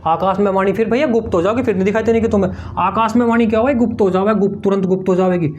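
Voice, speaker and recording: A man's voice: high-pitched, fairly even intonation, racing, a little mellow, slight background noise. Guy doing exam mnemonic tricks, keeps asking and answering himself, writes on a board as he goes. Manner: repeats each answer as a question-and-answer drill, calls students "bhaiya"; talks while writing on a board. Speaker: exam coaching teacher.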